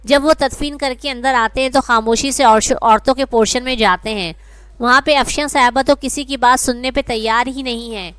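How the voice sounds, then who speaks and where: A woman narrating a dramatic family story in a steady, expressive reading voice. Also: a little high, clean tone, no room sound.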